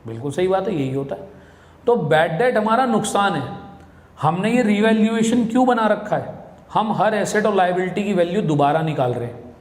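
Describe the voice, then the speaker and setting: A man's voice: high-pitched, animated, normal speed. Male teacher lecturing in an echoey classroom. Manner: addresses students as "beta", asks the class questions. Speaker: commerce teacher. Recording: echoey classroom with long reverb.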